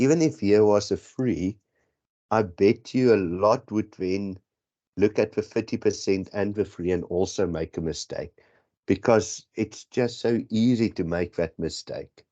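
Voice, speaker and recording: A South African man, Afrikaans by first language, tutors statistics for an exam, rambling and correcting himself as he goes. His voice sits on the low side and sounds mellow, and the lo-fi audio is dull.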